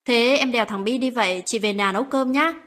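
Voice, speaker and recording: A woman playing a quiet, gentle older sister type. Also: fairly high pitch, fairly quick, natural voice.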